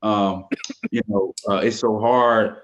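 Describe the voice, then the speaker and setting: A man's voice: fairly low pitch, fairly even intonation, slow pace. A man co-hosting a podcast in casual chat, speaking reflectively and wandering through his thoughts with many fillers. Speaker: podcast co-host. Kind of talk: casual podcast chat about hip hop. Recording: dull lo-fi mic.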